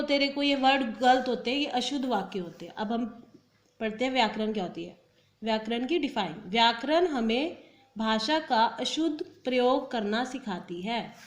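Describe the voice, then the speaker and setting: Woman teacher, high voice, asks her own questions then answers, roomy echo. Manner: asks questions and answers them herself, mixes in English words; reads example sentences slowly. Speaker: school teacher. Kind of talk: recorded grammar lesson.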